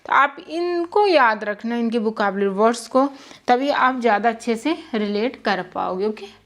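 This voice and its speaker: A woman's voice: on the high side, animated, moderate pace, a bit bright. A young woman teaching English pronunciation in a Hindi lesson, patiently repeating words and spelling out letters. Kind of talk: Hindi-language lesson explaining spelling rules.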